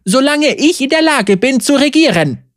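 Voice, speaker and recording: A woman's voice: high-pitched, sing-song, moderate pace, no room sound, studio quality, voice pushed up. A woman voicing a timid, anxious young prefect. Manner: hesitant, plaintive. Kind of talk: audiobook character voice.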